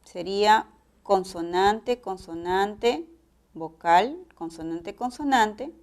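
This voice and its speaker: Slow, measured woman teacher with a Peruvian accent. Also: mid-range voice, darkish tone. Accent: Peruvian Spanish. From Peru. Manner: measured, explanatory, spells out syllable patterns. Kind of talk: pre-university lecture.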